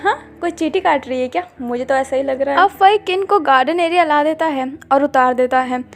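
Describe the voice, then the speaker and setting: A woman's voice: sits high, creaky. A woman hosting her channel and reading a romantic fan fiction story aloud in a chatty storytelling way.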